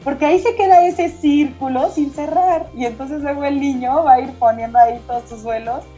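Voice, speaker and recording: A Mexican woman in her thirties talks through a family story in a relaxed, mellow voice, slipping into the voices of the people she quotes. The audio is dull and lo-fi, with faint music playing underneath. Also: high-pitched, brisk. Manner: animated storyteller, acts out quoted dialogue. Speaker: mother discussing parenting. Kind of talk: casual conversational talk.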